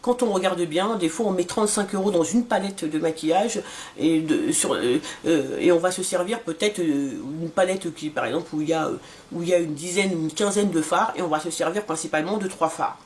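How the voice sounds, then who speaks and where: A woman's voice: lowish voice, brisk, darkish tone. A woman in her forties casually reviewing a skincare serum for her vlog, talking with many fillers and restarts. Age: 40s. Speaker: beauty vlogger.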